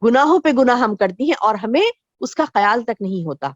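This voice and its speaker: A woman religious teacher giving a lecture to women, explaining slowly with repeated phrases and rhetorical questions. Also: a little high, lively intonation, dry recording, muffled recording.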